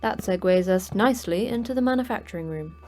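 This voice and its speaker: Speaking fast in a medium-pitched, slightly mellow voice, an actress gives a lightly acted turn as the clipped, matter-of-fact manager of a hidden prison for monsters in a sci-fi horror audio drama. The mood is dry and grim, with faint music behind her.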